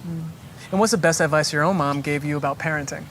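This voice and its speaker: An interviewer fires off quick questions with short, upbeat reactions in between. The voice is middle-pitched with a fairly bright tone, and a faint hiss sits in the background.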